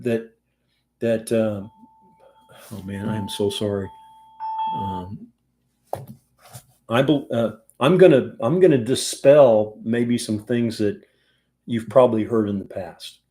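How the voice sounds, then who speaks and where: A man's voice: medium pitch, takes it slowly, pauses often, mellow. A man leading an informal Bible study from a room at home, talking conversationally with frequent restarts and asides. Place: home room, teaching over a video call.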